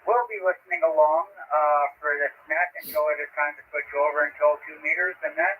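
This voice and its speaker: A man checking in to an amateur radio net, heard through slightly mistuned sideband ham radio and talking in a halting way with many fillers. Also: on the high side, steady tone, breathy edge. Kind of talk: casual on-air radio chat. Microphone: transceiver mic over the air. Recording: narrow phone-like radio band.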